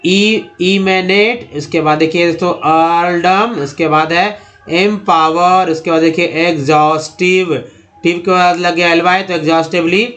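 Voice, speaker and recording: A young man teaching English pronunciation in Hindi, breaking each word into syllables and repeating it slowly. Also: high-pitched, fairly even intonation, fairly bright tone. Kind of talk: slow word-by-word pronunciation lesson.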